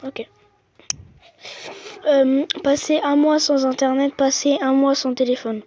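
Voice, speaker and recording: Young high-voiced gamer talking to viewers. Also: flat delivery, slow pace, warm tone. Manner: chatty, slangy, talks to viewers. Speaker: gamer playing a quiz app. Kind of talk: casual gaming commentary. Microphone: phone microphone.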